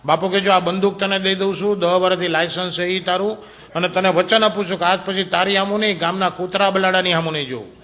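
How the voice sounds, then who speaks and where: A man's voice: sits high, steady tone, quick pace, sharp tone. A man telling crude adult jokes, chuckling often and acting out the lines of the people in his stories. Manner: crude, chuckling storyteller, acts out characters' quoted lines. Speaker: stand-up comedian. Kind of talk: adult joke telling to a live audience.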